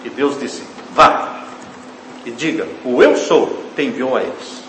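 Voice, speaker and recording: A man preaching a sermon, leaning hard on key words, then dropping to a hushed, low voice, and calling the congregation his dear ones. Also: expressive, measured pace, a little hiss or hum. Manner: emphatic preaching, swings from loud stressed words to hushed low phrases. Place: church hall. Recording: echoey church hall, faint ambience.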